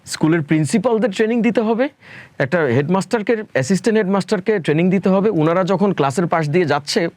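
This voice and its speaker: A man's voice: sits high, darkish tone, no echo. A man from Bangladesh answering interview questions as a spoken English educator, talking emphatically and dropping English phrases into his speech.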